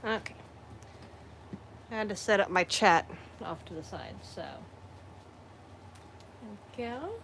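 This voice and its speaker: A craft streamer with a hoarse, fairly bright, mid-range voice chats slowly and easily during a casual livestream while crafting at home. She rambles, clears her throat often, and keeps going back to correct herself, with faint room noise humming beneath.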